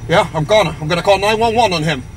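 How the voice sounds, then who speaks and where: Man acting a grumpy, high-voiced old man. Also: very fast, lightly acted. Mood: threatening. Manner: grumpy, confrontational, barking challenges. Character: grumpy, combative old man picking fights with strangers. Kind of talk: hidden-camera prank role-play in public. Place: outdoors in parking lots with traffic. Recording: noisy outdoor street recording.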